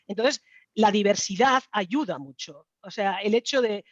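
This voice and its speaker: A woman's voice: medium pitch, animated, unhurried, no echo. A woman talks on a panel about her daughter's experience, earnest and full of small fillers. Her voice sits in a middling register. The sound is dry and dull, with no room around it. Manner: earnest, conversational, with many fillers. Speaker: mother of a child with a rheumatic disease. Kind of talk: round-table discussion.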